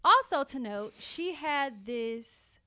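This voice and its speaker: A woman co-hosting a podcast in casual chat, recounting things in a reflective, unhurried way. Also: high-pitched, animated, sharp tone, clear, resonant tone. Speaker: podcast co-host.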